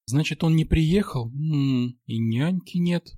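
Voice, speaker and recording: A man voicing an anxious, tender young wife in a read-aloud story, raising his voice higher. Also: slow, mellow, no echo, clean studio sound. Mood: worried.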